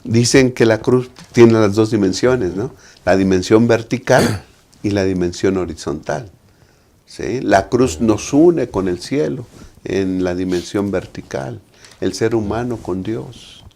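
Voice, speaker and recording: A man's voice: fairly low pitch, slow, creaky, mellow. A man with a Mexican Spanish accent, a pastor discussing the Sabbath school lesson in a preaching manner, often adding tag questions.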